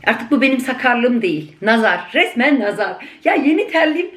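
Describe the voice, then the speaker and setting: A woman's voice: on the high side, very animated, moderate pace, fairly bright tone. Chatty mother vlogging in a roomy home. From Turkey. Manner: chatty, affectionate, teasing. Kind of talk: casual chat to viewers. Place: family home in Germany.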